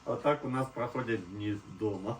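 With soft music in the background, a man with a lowish voice at normal speed chats with his toddler at home, patiently helping the child through a task in the kitchen. The recording picks up room echo, faint noise, and a faraway mic.

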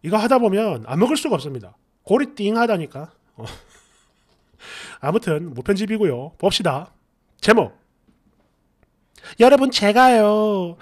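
A middle-aged man hosting a story channel, reading viewer posts and comments aloud with sarcastic, lively reactions, recorded at a desk mic in a small room. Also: high voice.

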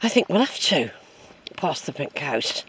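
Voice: mid-range voice, big pitch swings, a little slow, a bit bright, a little hiss or hum. A walking vlogger, chatting casually and musing aloud outdoors on a woodland track, recorded on a handheld camera. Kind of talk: rambling casual commentary while walking. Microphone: handheld camera's built-in microphone.

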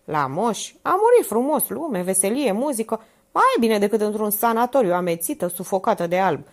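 A woman voicing a frail, sickly young woman who speaks quietly, detached and resigned to dying. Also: medium pitch, sing-song, voice pushed up. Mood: brooding.

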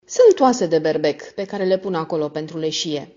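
A cruel, bossy older sister who sneers and scolds in sharp jabs, put on by a woman reader. The lo-fi recording sounds muffled. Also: expressive. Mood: sneering. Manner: mocking, shrill scolding. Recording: dull lo-fi audio.

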